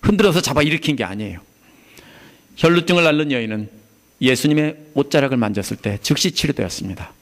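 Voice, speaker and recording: A man's voice: medium pitch, expressive, fast talker. Middle-aged pastor from Korea, sermon delivery, voice rising and falling widely, acts out the lines he quotes. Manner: expository preaching that bursts into acted-out quotations.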